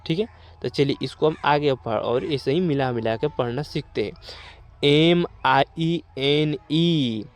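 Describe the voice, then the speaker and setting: A man teaching English reading, addressing his students and spelling each word out letter by letter before saying it. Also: medium pitch. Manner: spells words out letter by letter, slowly and loudly; addresses viewers as students, frequent "theek hai". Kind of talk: online reading lesson.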